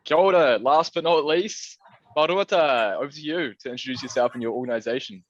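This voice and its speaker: A man moderating an online panel in a relaxed, friendly way. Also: mid-range voice, fairly quick. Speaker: panel facilitator. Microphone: video call. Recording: dry, dull call audio.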